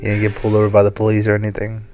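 Teasing young man, lower voice. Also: monotone, racing, a little mellow, faint music behind. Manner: teasing, asks lots of questions. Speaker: podcast co-host. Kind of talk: casual chat.

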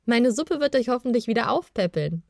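A woman's voice: a little high, animated, fairly quick, vocal fry, dry recording, studio quality, voice pushed up. A woman doing a merry kobold cook. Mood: cheerful. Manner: merry, bright greeting. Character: cheerful female kobold cook, lively.

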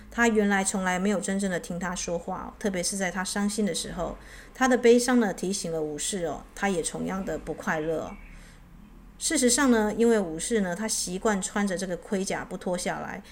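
A woman telling a story and adding spiritual commentary, trailing her sentences with drawn-out particles. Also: on the low side, slight background noise.

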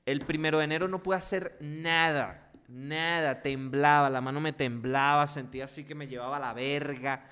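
A man's voice: on the high side, a bit bright, smooth. A man with a Venezuelan accent, co-hosting a casual chat and telling a laughing, colloquial story.

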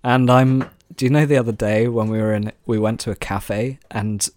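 A man's voice: mid-range voice, fairly even intonation, moderate pace, darkish tone, dry recording. A man joining a friend's podcast as a guest and chatting casually, with dry, teasing banter. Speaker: podcast guest, host's housemate. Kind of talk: casual chat.

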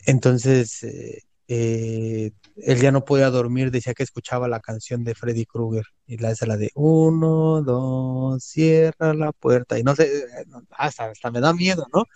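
A man's voice: mid-range voice, steady tone, moderate pace, darkish tone, dry recording. A man with a Mexican Spanish accent telling a story in casual conversation, slangy and emphatic, repeating words for weight.

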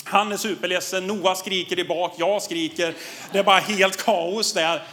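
A man in his thirties preaches to a congregation, telling a story from his own life with lively, animated delivery. His voice sits high and sounds bright and forceful. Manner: animated storytelling, laughs often, audience laughs back. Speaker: pastor. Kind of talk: sermon with personal story.

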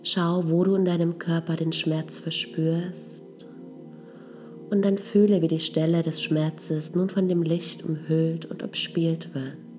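A woman leading a guided healing meditation in a soft, gentle, breathy voice that trails toward a whisper. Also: sits low, flat delivery, slow pace. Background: music.

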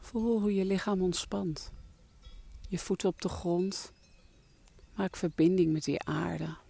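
Slow, breathy, soft-spoken meditation guide. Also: mid-range voice. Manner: soft, breathy, calming delivery trailing into whispers.

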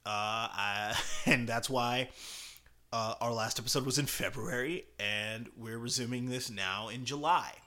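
A male podcast host gives casual solo commentary in a bright, forceful voice of average pitch. He speaks haltingly, working out his thoughts aloud as he goes. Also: fairly even intonation.

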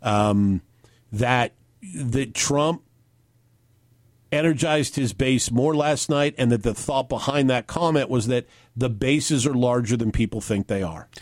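Steady, explanatory male radio host. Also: medium pitch, unhurried, no room sound. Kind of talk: talk radio discussion.

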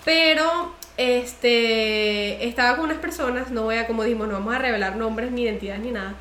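A high, bright woman chats on a casual podcast. She tells stories with animated energy and slips into other people's voices as she goes. Her voice comes through a noticeably echoey room. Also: normal speed, slight background noise. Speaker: podcast co-host.

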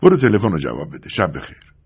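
Man doing a curt guarded husband, very low voice, husky, clipped lines. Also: wildly swooping pitch, a little mellow, heavily acted. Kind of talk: audiobook character voice.

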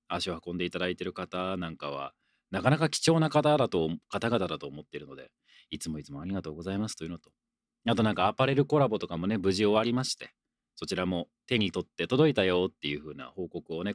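A young man hosts a casual solo radio show, reading listener letters and drifting into loose, self-deprecating asides. His voice sits low but swings widely in pitch as he teases in a mock-formal tone. The sound is close and dry, with no room around it. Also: dry recording. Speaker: podcast host.

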